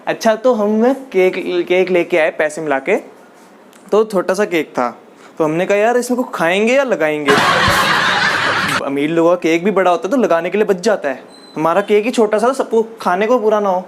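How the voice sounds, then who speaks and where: A man's voice: high voice, moderate pace. A young male comedian tells stories about his friends in a chatty, laid-back way. He keeps laughing through his own lines, with a faint hiss behind him. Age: young adult. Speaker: stand-up comedian. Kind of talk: casual stand-up storytelling.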